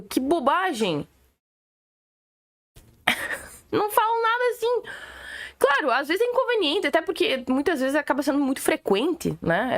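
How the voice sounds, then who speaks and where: A woman's voice: high voice, a bit bright. A woman with a Gaúcho accent from southern Brazil, ranting sarcastically and opinionatedly as a political commentator on a live stream. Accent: Gaúcho Brazilian Portuguese. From Rio Grande do Sul, Brazil. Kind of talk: casual livestream rant.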